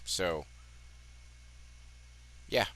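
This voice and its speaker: A man's voice: very slow, bright, forceful tone. A man in his fifties hosting his gaming channel, rambling profanely in casual commentary, his voice a bit muffled by a cigarette. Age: 50s. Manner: rambling, profane, chatty asides.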